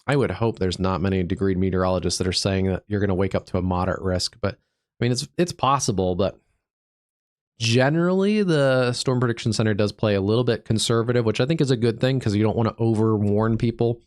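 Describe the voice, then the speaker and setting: A man hosting a live severe weather stream as a meteorologist, stuffed up from allergies, talking through the radar in an easygoing, halting way with many fillers. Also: fairly low pitch, no room sound, studio quality. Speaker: digital meteorologist, livestream host.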